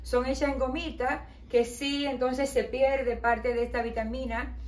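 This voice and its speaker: In a small indoor showroom decked with balloons, a middle-aged skincare company owner from the Dominican Republic pitches her products as an interview guest, at a measured pace and with a Dominican Spanish accent. She explains steadily and promotionally, with some hesitation fillers. Captured by a camera at a distance, her voice sounds far off with a roomy echo.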